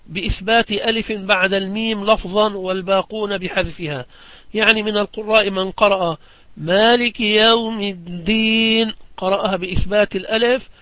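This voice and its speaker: A man from Palestine teaching a lesson on Quran recitation, explaining patiently and chanting example verses slowly, often asking whether it is clear. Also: high-pitched, no echo, dull audio. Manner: demonstrates recitations slowly and with emphasis, repeats phrases. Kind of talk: religious lesson on Quranic readings.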